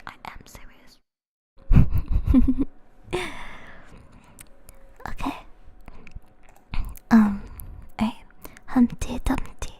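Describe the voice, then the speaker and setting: Young woman whispering asmr, high little voice, slow and giggly. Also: slightly rough. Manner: soft whispering, giggly and chatty. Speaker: ASMR creator.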